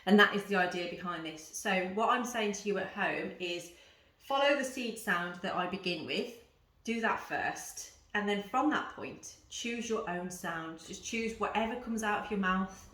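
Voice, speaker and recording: Woman yoga teacher talking thru breathing stuff step by step, bright voice, kinda roomy echoey sound, informal. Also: mid-range voice, normal speed. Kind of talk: guided yoga and breathing lesson, explaining and instructing. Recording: roomy echo, voice at some distance.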